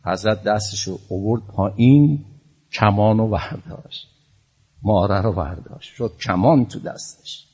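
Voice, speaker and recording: A man preaching a religious sermon with a husky, fairly low voice. He tells the story in a lively way and builds up to passionate appeals.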